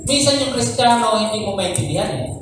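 A high-pitched male pastor preaching to his congregation and pressing them with rhetorical questions. He sounds a little far from the mic, and the church echoes heavily around him. There is a faint hum of background noise. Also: animated, a little fast. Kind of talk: sermon. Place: church service.

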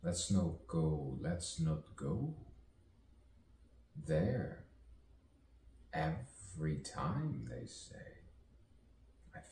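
Speaking very low and slowly, with long pauses, a male poet performs his own dramatic monologue full of rhyme and wordplay, his tone dark and highly animated. His pitch roams broadly as he muses. The echoey room and far-off microphone leave a faint background hum.

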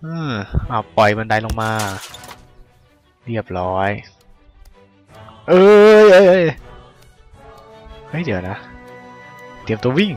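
Excitable man casting a game. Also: lowish voice, moderate pace, long pauses, soft background music. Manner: excitable, full of sudden exclamations. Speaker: gaming caster. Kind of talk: casual let's-play commentary.

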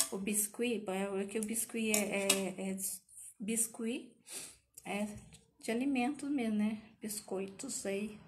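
A woman past fifty leads a live craft class, talking to her viewers in a loose, emotional, chatty way. She often stops to check whether they are following, and her voice sits at an ordinary middle pitch. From Paraná, Brazil. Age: over 50. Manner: chatty, emotional, speaks to viewers with many tag questions. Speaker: craft teacher.

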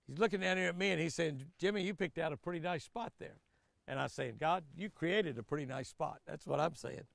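A man's voice: fairly high pitch, gravelly, no echo, studio quality. An older man giving a folksy, chatty devotional and fishing tip outdoors on a lapel mic. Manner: folksy, chatty, lively, laughs often. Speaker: devotional host and fishing guide. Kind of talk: folksy daily devotional reading. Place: outdoors by a flowering tree.

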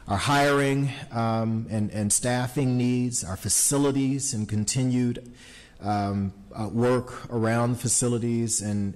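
A man with a fairly low voice delivers a formal report to a school board. He speaks in a measured, deliberate way, often pausing on fillers and restarting phrases. He talks into a desk microphone in a boardroom. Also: a little mellow. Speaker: school superintendent. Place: boardroom at a public meeting.

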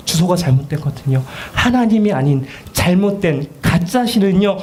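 A young man preaching to children and parents in a church, lively and joking, acting out parents' scolding lines in a sharp raised voice. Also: sits high. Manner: lively, jokes with audience. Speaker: children's ministry pastor. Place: church hall with audience laughter.

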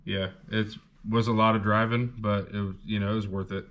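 In a fairly low, slightly bright voice with little pitch movement, this young fishing-channel host talks fairly quickly. He's laid-back and rambles with fillers while casually chatting through a gear haul video.

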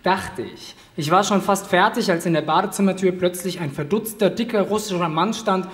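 A young man in his twenties performing comic poetry on a stage with deadpan punchlines. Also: high voice, moderate pace. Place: stage in a hall. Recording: echoey hall with faint noise.

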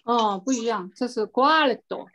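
A woman's voice: on the high side, normal speed, background noise. A woman teaching a language class over a video call, patiently correcting pronunciation and explaining words step by step. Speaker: Spanish teacher.

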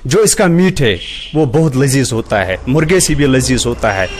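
A middle-aged rabbit farm worker with a Kashmiri accent answers interview questions in a large, open-sided rabbit shed indoors, speaking into a handheld reporter mic held near his mouth. His mid-range voice is animated and at normal speed, and he explains things plainly and practically, with many polite "ji sir" replies. The background is noisy.

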